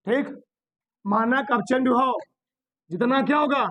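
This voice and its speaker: A man's voice: extremely high pitch, unhurried, sharp tone, no echo. A man teaching a chemistry class in Hindi. He keeps posing questions to his students, answers them himself, and repeats key terms for emphasis. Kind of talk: classroom lecture.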